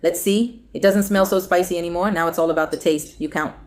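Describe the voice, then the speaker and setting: A woman's voice: on the low side, steady tone, brisk, a little mellow. A woman vlogger chatting casually to viewers and family during a food challenge. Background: music, clinking dishes.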